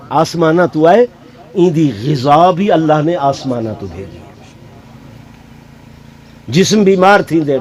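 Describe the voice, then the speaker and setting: A male preacher giving a sermon to a village gathering. He asks rhetorical questions and keeps calling out to his listeners. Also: fairly high pitch. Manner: rhetorical questions and repeated addresses to the audience.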